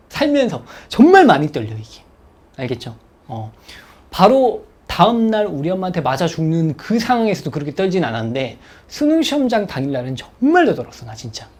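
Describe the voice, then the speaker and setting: A man's voice: sits high, slightly rough. A man lecturing as an exam prep instructor, keeps checking in with his listeners. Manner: animated, checks in with listeners, acts out students' thoughts.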